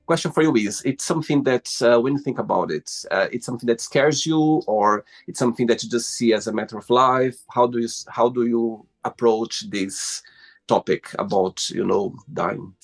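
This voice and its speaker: A man's voice: medium pitch, moderate pace, creaky. Playful male host asking questions. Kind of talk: casual interview conversation. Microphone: video call.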